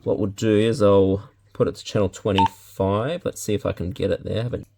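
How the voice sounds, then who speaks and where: With a warm, lowish voice, fairly even intonation and normal speed, an Australian man casually demonstrates products he's unboxing, unscripted and thinking aloud. He's a laid-back product reviewer handling items, with clear background noise and handling clicks in the audio.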